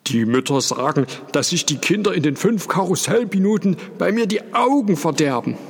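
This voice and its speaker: A man's voice: a little high, animated, normal speed, slightly rough, pitched above the performer's own voice. A man voicing a weary, despairing older carousel owner with a bitter way of talking, in a storybook reading. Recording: long hall reverb.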